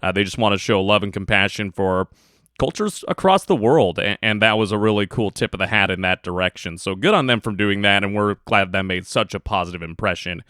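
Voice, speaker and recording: A man co-hosts a music podcast in a fairly low, quick voice that sounds pushed, bright and smooth. He chats casually in an upbeat way, reading listener comments and plugging the show. The recording is studio quality with no room sound.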